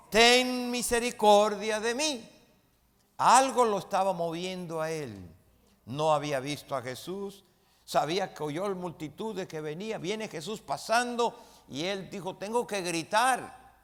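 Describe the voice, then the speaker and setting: A pastor preaching a sermon to his congregation, with emphatic delivery that swells to loud peaks and calls for responses from the room. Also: fairly high pitch. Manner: emphatic preaching, rising to loud dramatic peaks when retelling the story. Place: church sanctuary. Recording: long reverb of a church hall.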